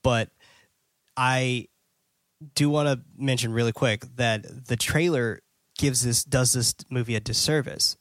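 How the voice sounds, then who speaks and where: A male podcast host recaps a movie plot for his casual review show, rambling loosely with lots of filler and the occasional swear word. His mid-range voice is steady and a little slow, and there's no echo.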